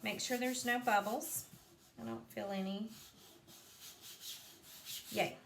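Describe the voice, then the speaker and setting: A woman's voice: fairly high pitch, steady tone, slow pace, creaky. A sleepy woman demonstrating a home craft live, chatting along with plenty of ums and asides. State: sleepy, yawning. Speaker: craft vlogger. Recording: echoey room, faint background noise.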